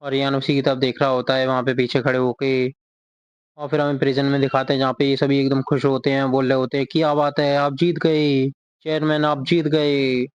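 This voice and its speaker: A man's voice: mid-range voice, a little mellow, clean tone, no room sound, muffled recording. A man casually retelling a manga chapter as a recap narrator. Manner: reads character lines in the same plain voice.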